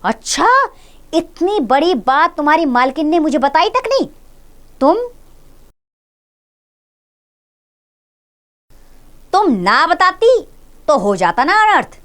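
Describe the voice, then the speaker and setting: A woman teacher voicing a stern, angry male householder who lectures and nearly shouts at his maid. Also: medium pitch, big pitch swings, normal speed, natural voice. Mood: mock surprise.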